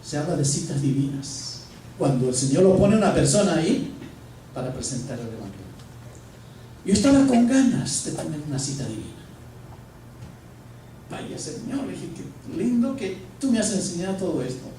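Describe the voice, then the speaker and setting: An animated male pastor preaches in story form, his voice rising and falling a lot and warm in tone. He sounds set back from the mic in a very echoey church, with faint noise underneath. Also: high voice, normal speed, pauses often, recorded from a distance. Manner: animated, acts out dialogue. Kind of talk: storytelling sermon.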